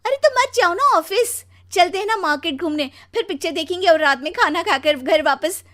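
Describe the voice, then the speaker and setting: A woman's voice: sits high, lively intonation, moderate pace, a bit bright, voice pushed up. A woman voicing a demanding, insistent wife in a dramatised story, nagging and emphatic. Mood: eager, coaxing. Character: demanding, insistent young wife of a tired husband. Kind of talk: dramatised Hindi audio story.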